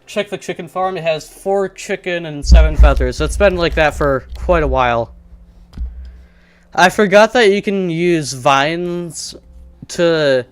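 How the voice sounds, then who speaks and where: A man's voice: fairly high pitch, smooth, no room sound. A man streaming a survival game, casually thinking aloud and joking at his own expense while he plays. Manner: rambling, self-deprecating, thinking aloud.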